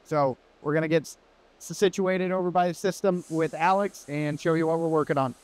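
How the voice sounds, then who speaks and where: A man in his thirties works as a video host, presenting and interviewing in a relaxed, upbeat, conversational manner. His voice is fairly high, a little mellow, with fairly even intonation and a moderate pace. He's indoors in an industrial workshop wearing a clip-on wireless shirt mic, and the workshop's background noise comes through clearly.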